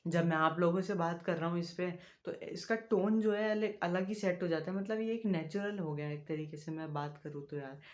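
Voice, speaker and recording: Soft-spoken young man vlogging. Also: high-pitched, fairly even intonation, normal speed, few pauses. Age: young adult. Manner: soft-spoken, rambling, with frequent fillers. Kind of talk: casual vlog talk to camera.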